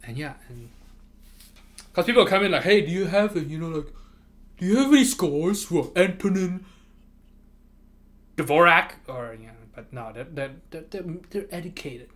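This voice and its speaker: This livestream host's voice is fairly high and a bit bright, with lively intonation, a moderate pace and frequent pauses. A native Chinese speaker who relocated to America, he chats casually with his chat readers, laughing and repeating himself a lot.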